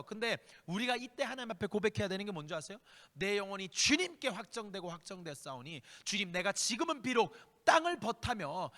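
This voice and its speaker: A youth group pastor delivers a sermon and leads prayer in a church worship hall, impassioned and emphatic, repeating key phrases. His voice is high, bright and forceful, and the hall adds long reverb.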